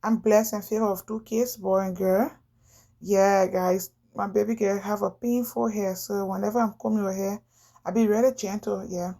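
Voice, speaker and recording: A woman's voice: mid-range voice, steady tone, normal speed, creaky, dark tone. A middle-aged woman from Liberia, chatting casually to camera as a vlogger, rambling and repeating herself.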